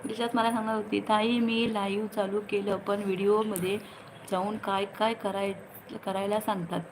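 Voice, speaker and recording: A woman's voice: medium pitch, level tone, moderate pace, a little hiss or hum, rough recording. A woman hosting a casual phone livestream, greeting viewers by name and chatting in a teasing way. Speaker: livestream host. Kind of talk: casual live chat reading comments.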